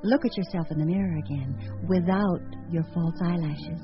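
An actress in a radio drama plays Laura, a wry, romantic single woman weighing her suitors, through monologue and dialogue. She muses and questions herself theatrically in a lowish voice at normal speed, close to how she'd sound every day. The audio is muffled and has music.

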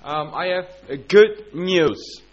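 A man's voice: sits high, takes it slowly. A man speaking persuasively at a conference, announcing news and appealing to the room. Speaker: conference delegate. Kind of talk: conference speech. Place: conference hall. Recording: dull conference-room recording.

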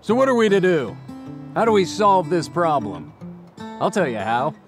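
A man's voice: fairly high pitch, big pitch swings, normal speed, music in the background. A middle-aged man delivering a scripted comedic monologue, ranting sarcastically and mocking people. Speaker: comedic outdoorsman host.

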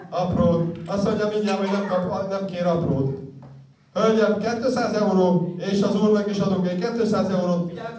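A woman children's entertainer running a live party show, playful and teasing as she calls out to the kids. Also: mid-range voice. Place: large indoor hall with a crowd and music. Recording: echoey hall, far from the camera, loud crowd and music.

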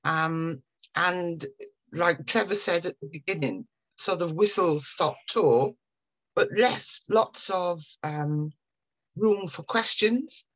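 A woman chairing an online meeting, introducing speakers in an unhurried way with many um fillers. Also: on the low side, fairly bright tone, no room sound. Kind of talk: hosting a webinar.

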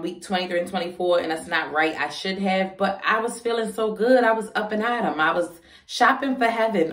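A woman's voice: mid-range voice, fairly bright tone, recorded from a distance. Chatty woman vlogging in a roomy space. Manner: chatty, addresses viewers as y'all. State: short of breath. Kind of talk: casual pregnancy update vlog. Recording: roomy sound, voice away from the mic.

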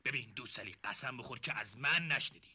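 An actor playing a sly, smooth-talking older relative who coaxes and confides in hushed tones in a 1970s TV drama. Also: male voice, mid-range voice, slight background noise. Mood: coaxing.

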